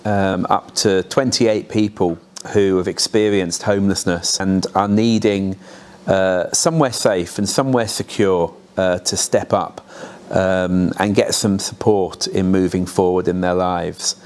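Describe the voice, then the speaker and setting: Low-pitched man explaining. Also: fairly even intonation, a little slow, a little mellow. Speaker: charity representative. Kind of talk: explanatory interview talk.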